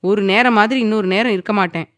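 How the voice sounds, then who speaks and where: A woman's voice: medium pitch, fast talker, no room sound, clean studio sound, close to an everyday voice. A woman voicing a domineering, possessive young man who speaks firmly and commandingly, sometimes teasing.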